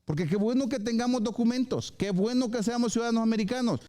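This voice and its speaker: At a live church service, a male pastor preaches to his congregation in a voice that sits high for a man yet sounds soft and mellow. His delivery is lively, acting out quick exchanges and slipping English phrases into the sermon.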